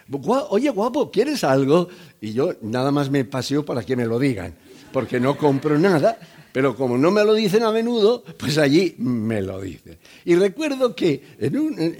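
Older man, sermon, conversational, acts out voices, lively pitch. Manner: conversational, joking asides to the congregation; acts out quoted voices in the story. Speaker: pastor.

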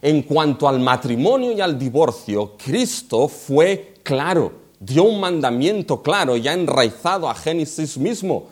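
A man from preaching an expository sermon, slowing down to stress quoted scripture. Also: fairly high pitch. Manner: animated, slows for emphasis on scripture quotes.

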